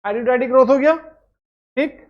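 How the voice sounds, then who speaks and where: A woman's voice: high voice, brisk, dull audio. A woman teaching a lecture step by step, often checking that students follow. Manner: explains step by step, checks with "clear?". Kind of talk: classroom lecture.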